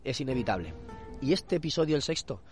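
A man from Spain with a hoarse voice from a cold, hosting a casual solo commentary podcast and often restarting his words. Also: mid-range voice, sing-song, soft background music. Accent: Spain Spanish. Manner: halting, repeats and restarts words. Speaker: podcast host.

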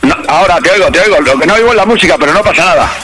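A man's voice: high-pitched, lively intonation, racing, sharp tone, soft background music, rough recording. A man telling jokes on morning radio, laughing at his own punchlines and swearing casually. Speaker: radio joke teller. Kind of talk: rapid-fire radio joke telling.

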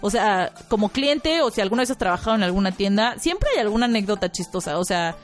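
Animated woman telling funny stories. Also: fast, soft background music. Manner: animated, acts out voices with high squeals. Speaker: podcast host. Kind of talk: storytelling anecdote.

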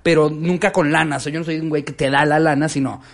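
A man's voice: fairly high pitch, level tone, fast talker. A Mexican man co-hosting a podcast, telling a profane story with lots of slang and frequent laughter. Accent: Mexican Spanish. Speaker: podcast co-host. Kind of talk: casual comedic storytelling.

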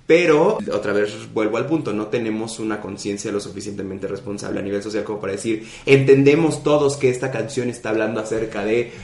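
Animated man chatting casually in a roomy space. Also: fairly quick, few pauses. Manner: animated, acts out quoted voices in high pitch. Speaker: podcast co-host. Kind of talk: casual gossip chat. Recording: roomy echo, faint background noise.

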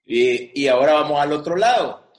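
A man hosting a casual interview, chatty and relaxed, asking long questions. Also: on the high side, normal speed.

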